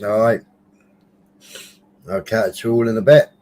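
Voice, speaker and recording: A man's voice: lowish voice, steady tone, measured pace, darkish tone. A man, teasing and chatting easily as a co-streamer. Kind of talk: casual banter.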